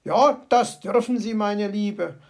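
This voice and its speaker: Brief: a woman playing a grouchy fox gentleman, dry sarcasm, gravelly grumbles. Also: mid-range voice, slow. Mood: grumbling. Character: grumpy, sardonic old male fox.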